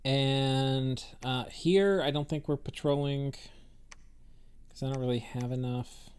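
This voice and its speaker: A man's voice: mid-range voice, steady tone, takes it slowly, a little mellow, smooth. A man giving casual, rambling commentary on a strategy game he is playing, thinking aloud with many fillers and restarts. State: has the hiccups.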